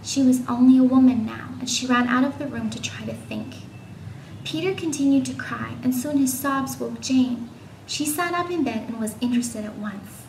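A woman giving an informal read-aloud of a classic children's novel, voicing the characters gently. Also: sits high, normal speed. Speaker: reader. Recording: echoey room with faint noise.

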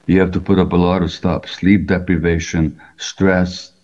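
An older man with a very low, mellow voice explains his ideas slowly and deliberately, now and then posing rhetorical questions. He speaks from a room at home over a video call, and the sound is dull and lo-fi. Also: level tone. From Hungary. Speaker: physician and author. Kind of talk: reflective interview answers over video call. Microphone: video call webcam.

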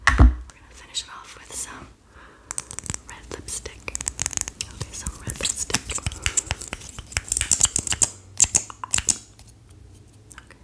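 A woman in her twenties doing a fast ASMR whispered role-play as an encouraging beauty and photo professional, repeating short phrases up close. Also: on the high side, lightly acted. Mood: brisk, encouraging. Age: 20s. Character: brisk, encouraging female makeup artist, photographer and spa worker. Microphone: close, facing the camera.

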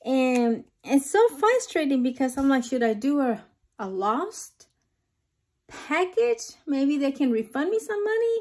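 A woman's voice: high voice, big pitch swings, measured pace, darkish tone. A woman making a casual budgeting vlog, chatty and a little out of breath, saying "you guys" over and over. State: a bit out of breath. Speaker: budgeting vlogger. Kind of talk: casual chat to camera.

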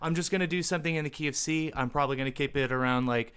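A man's voice: a little high, very fast, a bit bright, clear, resonant tone. A man, a musician guest, chatting casually about music.

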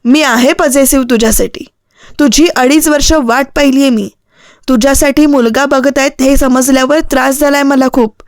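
A protective young man scolds his beloved with pointed questions, read out by a woman in a storybook. The voice sits high and the recording is dry and close. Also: dry recording. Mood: earnest.

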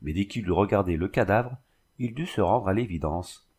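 A man reading a novel aloud as an audiobook narrator, in a measured, even way. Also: low-pitched, slightly rough. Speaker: audiobook reader.

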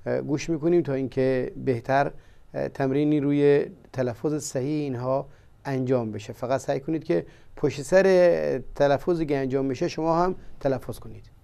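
A man teaching vocabulary in a language lesson, explaining slowly with many pauses and fillers. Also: mid-range voice, steady tone, gravelly, mellow, clear, resonant tone. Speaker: Arabic teacher. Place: studio.

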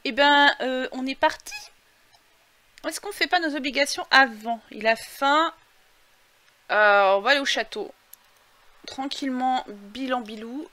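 A woman's voice: high-pitched, unhurried, long pauses, sharp tone. A woman giving casual commentary while playing a video game, thinking aloud with lots of fillers and reading quest text aloud. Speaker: let's play gamer.

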